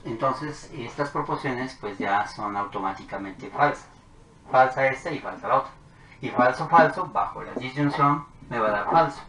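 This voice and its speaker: With a bright, forceful mid-range voice, a man works methodically through truth tables in a logic lesson, speaking as he writes them. He teaches math, and the recording has an echoey sound with faint noise.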